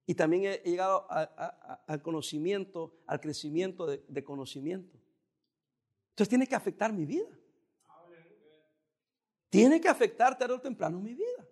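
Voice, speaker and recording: A male pastor preaching a sermon in a calm, conversational way, with occasional emphatic rises. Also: high voice, normal speed, long pauses.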